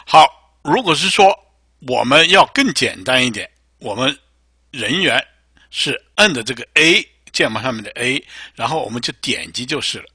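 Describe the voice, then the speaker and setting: A man gives a patient, step-by-step software tutorial with a pitch that moves a lot. His voice is bright, with a slight husk. The sound is dry and close, with mouse clicks behind it. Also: expressive, moderate pace, breathy edge, dry recording. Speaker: music software teacher. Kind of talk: screen-recorded software tutorial.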